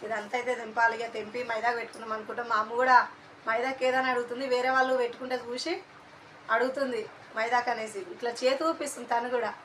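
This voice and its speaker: Bright-voiced woman with a cold. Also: on the high side, fairly even intonation, very fast, slight background noise. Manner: chatty, rambling, many fillers. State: stuffy cold, sore throat. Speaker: vlogger and mother. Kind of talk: casual home vlog narration.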